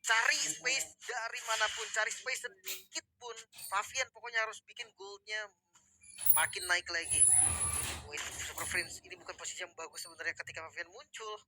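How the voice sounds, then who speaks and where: A man's voice: high voice, fairly even intonation, moderate pace, sharp tone, a little hiss or hum, poor audio. A man with an Indonesian accent giving conversational, analytical commentary on a video game match as co-commentator.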